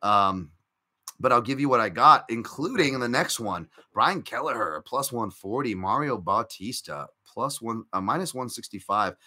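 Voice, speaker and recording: A podcast host on a casual live stream rambles through betting picks, full of fillers and restarts, chatting with viewers and reacting to their comments. His mid-range voice is animated, pushed and bright, at a moderate pace.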